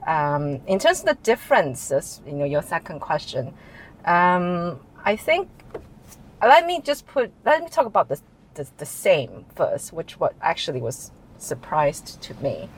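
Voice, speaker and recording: A woman's voice: low-pitched, sing-song, a little slow, slight background noise, low-quality recording. A woman who grew up in Taiwan, answering interview questions in a chatty way with frequent laughs and restarts. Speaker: interview guest, chief information officer.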